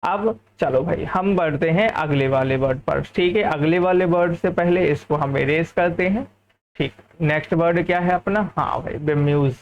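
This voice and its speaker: Male teacher from India, upbeat classroom delivery, slightly raised pitch, muffled lo-fi recording. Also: normal speed. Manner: lively, keeps checking understanding with "ठीक है". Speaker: English teacher. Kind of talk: classroom vocabulary lesson.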